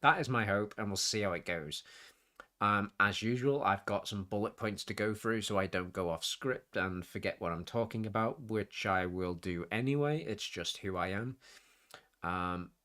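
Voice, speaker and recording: On his own hobby live stream, a YouTube host talks in a lowish, sharp-toned voice at a moderate pace. He sounds nasal and sniffly, chatting casually, rambling, and interrupting himself to correct what he just said.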